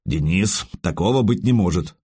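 A man reading an audiobook, voicing a tired, cautious male official in a calm, restrained and terse way. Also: low-pitched, normal speed, slightly rough, no room sound. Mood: guarded. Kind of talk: audiobook narration with character voice.

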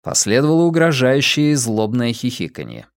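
A man reading a dramatic audiobook in a steady, measured narrating voice. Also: mid-range voice, no echo, studio quality. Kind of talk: scripted narration.

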